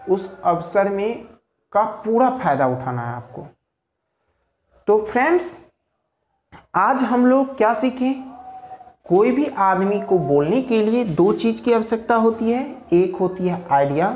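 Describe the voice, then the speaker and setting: A man's voice: sits high, darkish tone. A man gives a lesson as a teacher, posing rhetorical questions to his viewers and going over each point more than once. His voice rings in a roomy, echoing space at home. A faint hum of ambience sits underneath. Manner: asks rhetorical questions and repeats key points. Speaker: English teacher. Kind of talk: spoken language lesson.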